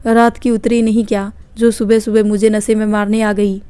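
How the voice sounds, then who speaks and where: A woman's voice: medium pitch, little pitch movement, moderate pace, mellow, clear, resonant tone, dry recording, natural voice. A woman reading the part of a joking young man in a spoken story. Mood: teasing.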